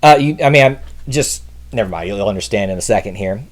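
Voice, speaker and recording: A man's voice: on the low side, lively intonation, quick pace. A man with a Southern accent co-hosting a casual trivia livestream, chatty and enthusiastic, often trailing off and restarting. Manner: enthusiastic, rambling, self-interrupting. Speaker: trivia show co-host.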